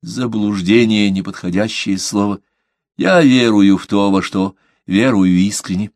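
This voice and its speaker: A devout merchant, read by a man in an audiobook, answering questions with polite, measured calm and quiet firmness. The voice is lowish and the sound dry and close. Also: no room sound. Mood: composed. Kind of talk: audiobook character reading.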